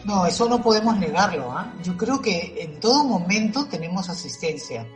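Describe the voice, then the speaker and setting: A woman's voice: fairly low pitch, animated, normal speed, soft background music. A woman in casual conversation, recalling a funny anecdote. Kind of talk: casual chat.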